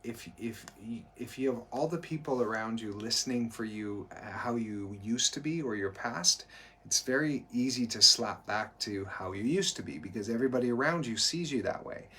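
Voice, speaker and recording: A man's voice: mid-range voice, moderate pace, bright, forceful tone, a little hiss or hum. A man co-hosting a live stream as a performance coach, talking earnestly and encouragingly, often restarting his sentences. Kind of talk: motivational live-stream talk.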